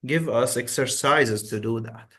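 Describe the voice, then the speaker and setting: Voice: mid-range voice, unhurried, a bit bright, a little hiss or hum. An interview host prompting his guest for practical advice in a plain conversational way. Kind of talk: interview questions.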